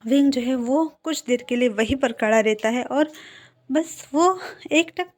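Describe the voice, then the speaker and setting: A woman's voice: high-pitched, measured pace. A woman narrating a fan fiction story in a casual, chatty way, full of fillers. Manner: chatty, filler-heavy retelling.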